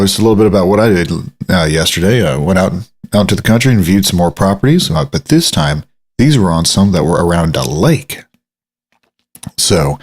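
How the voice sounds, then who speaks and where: Low husky groggy man podcasting. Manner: rambling, self-mocking, drawn-out asides. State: groggy morning voice. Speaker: podcast host. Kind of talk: casual solo podcast monologue. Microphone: studio microphone.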